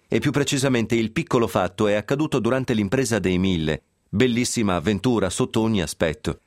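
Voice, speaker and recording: A man's voice: lowish voice, no echo, clean studio sound. A man reading a scripted history piece on the radio, telling it with a wry, ironic edge and sly asides. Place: radio studio.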